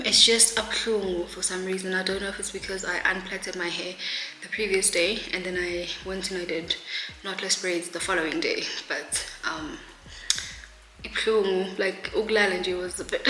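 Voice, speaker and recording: A woman's voice: medium pitch, bright, forceful tone. Brief: young South African woman, casual vlog talk, echoey room, noticeable noise behind. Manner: chatty, laughs often, mixes in Zulu words. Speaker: realtor vlogger.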